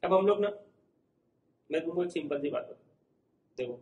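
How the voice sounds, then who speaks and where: High-voiced man, echoey lecture room. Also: animated, normal speed, a little mellow, dull audio. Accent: Indian. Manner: explains with everyday examples, asks the class repeated check questions. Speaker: teacher. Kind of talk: recorded classroom lecture.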